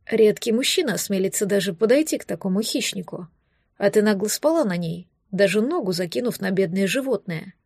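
A woman's voice: mid-range voice, lively intonation, brisk, darkish tone, husky, no echo. Woman reading a dry, sardonic mysterious man. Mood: musing. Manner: dry, musing, condescending. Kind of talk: audiobook reading.

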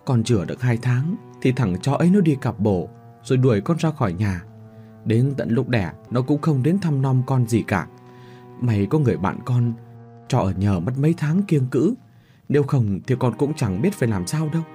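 A man's voice: mid-range voice, sing-song, normal speed, mellow, faint music behind, close to an everyday voice. A man voicing a humble young mother who pleads with her parents in a deferential way. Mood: tearful.

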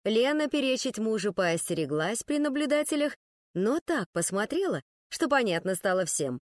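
A woman's voice: fairly high pitch, big pitch swings, moderate pace, no echo, studio quality. A woman narrating an audiobook in the first person, with an ironic, sardonic manner.

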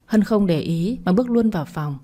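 A woman's voice: medium pitch, animated, fairly quick, dark tone. A woman reading a family drama story aloud as narrator, voicing the quoted parts herself with little change.

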